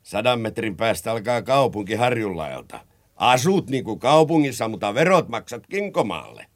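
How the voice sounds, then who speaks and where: An actor playing a drunk, sly blackmailer in an old radio drama, taunting and mocking. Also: male voice, on the low side, sing-song.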